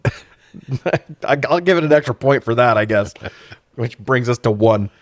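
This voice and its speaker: This is a man in his forties with a mid-range, expressive voice, speaking at normal speed in a dry recording with no room sound. He co-hosts a podcast that reviews films, trading profane, sarcastic remarks in a casual comedic recap chat.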